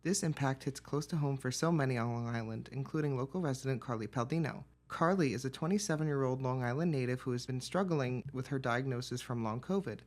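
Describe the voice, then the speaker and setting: Male reporter, scripted news narration, mid-range pitch. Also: quick pace, few pauses, a little mellow.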